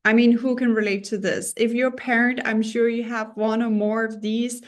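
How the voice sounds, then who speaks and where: This course teacher is a Danish woman in her thirties with a Danish accent and a fairly high voice. She speaks at normal speed in a level tone. Opening an online parenting course, she stays earnest and personal, restarting now and then and poking fun at herself.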